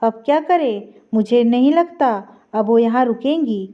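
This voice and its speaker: A woman's voice: a little high, animated, unhurried. A woman reading as a worried young husband. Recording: dull lo-fi recording.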